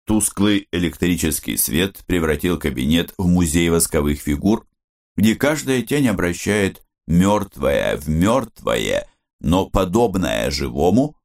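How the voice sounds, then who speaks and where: A man narrating a literary audiobook in a measured, expressive storytelling manner. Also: sits low.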